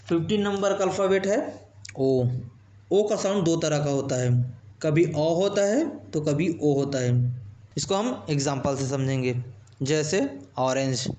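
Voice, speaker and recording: A male English teacher, patiently explaining letter sounds and repeating example words slowly. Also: a little high, lively intonation, dark tone, roomy sound, slight background noise. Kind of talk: alphabet pronunciation lesson.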